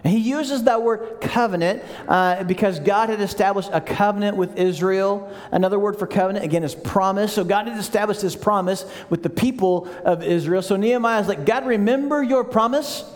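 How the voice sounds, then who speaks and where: High-voiced preacher in a reverberant hall. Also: male voice, fairly quick, hardly any pauses. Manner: conversational, animated, frequent restarts. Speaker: pastor. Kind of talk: sermon.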